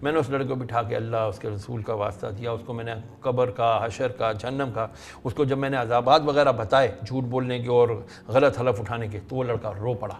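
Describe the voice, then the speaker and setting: Gravelly earnest man telling a story. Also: mid-range voice, steady tone, few pauses, a little hiss or hum. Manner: earnest, preacherly, acts out quoted voices. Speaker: religious scholar. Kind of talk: storytelling on a talk show.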